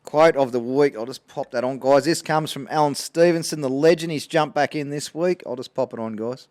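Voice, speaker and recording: A man's voice: medium pitch, a little fast, darkish tone, no echo, clean studio sound. A man with an Australian accent co-hosting a casual podcast, sweary and blokey like an Aussie tradesman. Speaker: podcast co-host. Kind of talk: casual banter.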